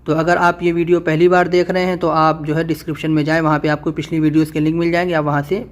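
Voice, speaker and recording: A man teaching Quran reading, drawing out letter sounds slowly and then explaining quickly. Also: a little high, level tone. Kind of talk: spelled-out reading lesson.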